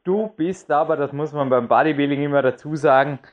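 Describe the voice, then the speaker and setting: Higher-voiced male radio interviewer. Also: brisk, dull audio. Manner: leading questions, interjecting. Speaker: podcast host and interviewer.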